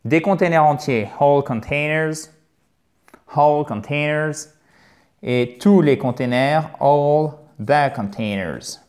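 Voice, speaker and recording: A French man teaching English pronunciation on camera in a lively, emphatic way, drilling words by repeating them. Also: a little high, slow. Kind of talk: video lesson. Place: indoor filming set with a spotlight. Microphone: camera mic, moves around in frame.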